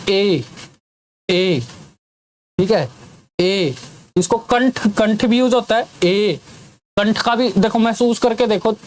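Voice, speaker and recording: A man's voice: sits high, darkish tone. A male teacher giving a classroom grammar lesson, drilling sounds over and over, asking the class questions and dropping teasing jokes. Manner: drills students with repeated sounds and call-and-response questions; jokey teasing asides.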